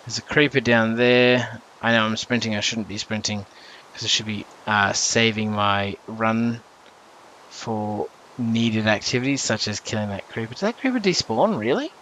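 A young man hosts a casual gameplay commentary with a somewhat low voice that still sounds bright and edged. He rambles, trips over his words and fills pauses with ums, then reacts sharply whenever something threatens him. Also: little pitch movement, a little hiss or hum. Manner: rambling with many fillers and self-corrections; jumpy reactions to in-game danger. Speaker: channel host.

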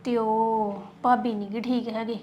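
A woman plays a worried young woman in a family drama. Her voice is high but very flat, talking on in a troubled, explaining way. Light room noise sits behind. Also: measured pace, close to an everyday voice. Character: worried young woman fretting about a sick relative.

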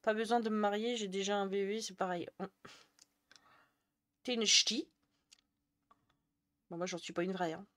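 A woman's voice: mid-range voice, steady tone, measured pace, long pauses, fairly bright tone. A young woman from the Jura chatting casually on a live stream, answering viewers' messages and laughing often. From Jura, France. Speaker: Twitch streamer.

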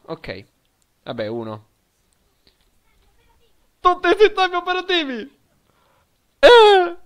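Excitable Italian gaming streamer. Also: male voice, on the high side. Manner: excitable, shouting during fights, mutters setup aloud. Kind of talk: live gameplay commentary.

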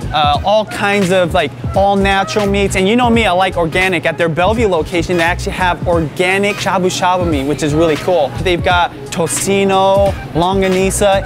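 A man in his thirties hosting an enthusiastic grocery store tour vlog, talking straight to camera on a lapel mic. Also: sits high. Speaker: vlog host. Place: indoor supermarket aisles, some shots outside.

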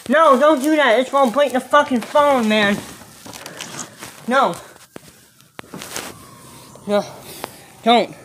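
A woman's voice: sits high, slow pace, long pauses. A woman hosting an improvised comedy skit, exasperated and swearing a lot, repeating herself. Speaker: host of a homemade comedy skit show. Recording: loud background noise.

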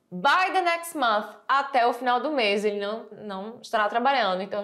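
A woman with a Brazilian accent teaching an English grammar lesson. She explains patiently, repeats key phrases and slows down to read out the English examples. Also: on the high side, fairly bright tone. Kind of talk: recorded class lesson.

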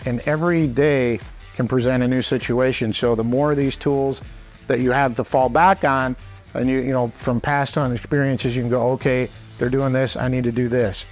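Folksy middle-aged man teaching over music. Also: medium pitch. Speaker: instructor and presenter. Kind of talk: informal instructional talk to camera. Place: small indoor wooden workshop.

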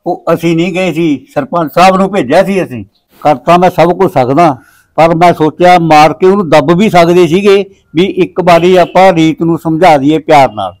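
A man plays a middle-aged Punjabi village father with a fairly high voice. He is blunt, proud and domineering in a family drama, speaking with a Punjabi accent. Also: normal speed, a little mellow, natural voice, rough recording. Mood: resolute. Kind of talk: short-film family drama acting.

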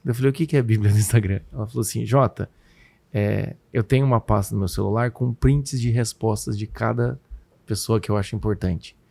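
A Brazilian man hosting a podcast, who tells anecdotes and quotes other people in lively asides. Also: fairly low pitch, fairly quick, gravelly, dry recording. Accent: Brazilian Portuguese. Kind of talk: casual podcast conversation.

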